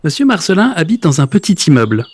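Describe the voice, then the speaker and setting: A man reading a children's story aloud in a gentle, expressive way. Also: on the high side, fast, slightly rough, dry recording. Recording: hissy recording.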